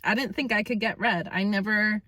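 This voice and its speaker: A woman's voice: medium pitch, normal speed, slight background noise. A woman vlogger telling stories in casual chat, laughing often and acting out what people said. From England. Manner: animated, laughs often, acts out quotes.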